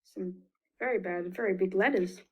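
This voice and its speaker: With a mid-range voice that has a breathy edge, this Australian woman reads to young kids at normal speed. She tells the picture-book story expressively, repeating words for emphasis.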